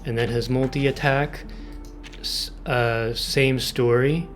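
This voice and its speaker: A breathless man talking through a game guide with a slow, unhurried delivery. He rambles and stumbles over restarts, apologizing as he goes, with faint music playing under his voice. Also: mid-range voice, fairly even intonation. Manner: rambling, self-deprecating, halting with restarts. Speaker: gaming video host. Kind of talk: casual game guide commentary.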